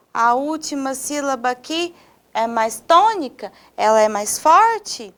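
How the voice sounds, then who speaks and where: A woman teacher with a Brazilian Portuguese accent, giving an online video lesson and explaining slowly with frequent check-in questions. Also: high-pitched, fairly bright tone.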